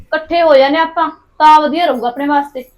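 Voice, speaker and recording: An actress with a Punjabi accent playing a quarrelsome young wife in a joint family, snapping back sharply and demanding her share. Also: very high voice. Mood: conspiratorial. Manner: sharp, quarrelsome, rapid retorts. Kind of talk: short film acting.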